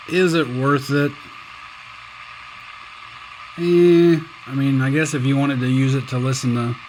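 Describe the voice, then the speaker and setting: This is an indoor recording of a man reviewing radio gear as a hobbyist, casually and hands-on, in a folksy, plainspoken way with halting speech. His pitch is medium, and the rough recording carries a little hiss or hum.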